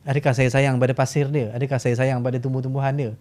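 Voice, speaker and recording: A Malaysian man, a historian guest on a podcast, explaining in a fast way and often asking and answering his own questions. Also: mid-range voice, flat delivery, darkish tone. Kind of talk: podcast interview.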